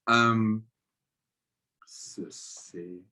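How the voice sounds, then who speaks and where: A young man reads his own poems on a video call, his voice sitting low and staying flat. His delivery is measured and steady and leans on repeated refrains. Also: low-quality recording. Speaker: guest poet. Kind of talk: poetry reading.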